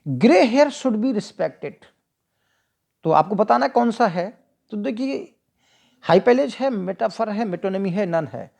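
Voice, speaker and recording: A teacher with an Indian accent explaining exam questions. The teacher reads each English question slowly, asks it back to the listener and then answers it. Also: mid-range voice, expressive, creaky, a little mellow. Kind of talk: explaining multiple-choice questions.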